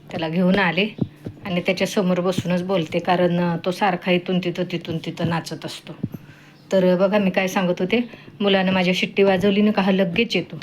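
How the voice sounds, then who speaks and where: A woman's voice: mid-range voice, slight background noise. A middle-aged woman chatting at home on her vlog, telling viewers a family story in a homely, direct way. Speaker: pet vlogger.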